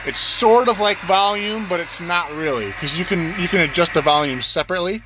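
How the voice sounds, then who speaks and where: With a high-sitting voice and a brisk pace, a man teaches a casual, improvised tutorial against a noisy background. He keeps his explanations plain and step by step, repeating things so beginners can follow.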